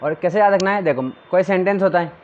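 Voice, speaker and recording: A man's voice: sits high, steady tone, fast talker, dull audio. A male teacher giving a classroom grammar lesson, drilling his students with questions and answers.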